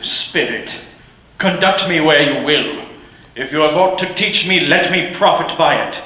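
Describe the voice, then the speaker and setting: An actor playing the old miser Ebenezer Scrooge in a radio drama, pleading in anguished outbursts. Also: male voice, a little high, measured pace, sharp tone. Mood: astonished. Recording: roomy echoey recording.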